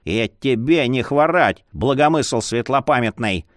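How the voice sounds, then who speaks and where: A man's voice: mid-range voice, animated, measured pace, dry recording, clean studio sound, close to an everyday voice. A man voicing a stern female sorceress mentor who scolds and hisses. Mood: scolding. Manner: scolding, hissing.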